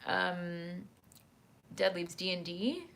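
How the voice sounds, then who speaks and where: A woman with a lowish voice chats loosely with her live-stream viewers, reading their messages aloud and answering as she goes. She laughs easily and fills her pauses with ums and uhs, talking close into a desk microphone. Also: a bit bright. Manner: chatty, laughs often, many fillers. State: hiccuping. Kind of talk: casual live-stream chat.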